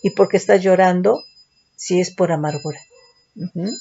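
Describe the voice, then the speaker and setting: A woman's voice: on the low side, normal speed, mellow, breathy edge, highs cut off. A woman teaching a Bible study, reading verses aloud and explaining them, often checking in with her listeners.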